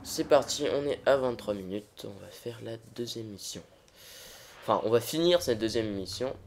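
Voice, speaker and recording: Casting: male let's play host, mid-pitched, informal and hesitant, improvised game commentary, faint background noise. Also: lively intonation, moderate pace. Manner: informal, hesitant, talking to viewers. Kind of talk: casual improvised gameplay commentary.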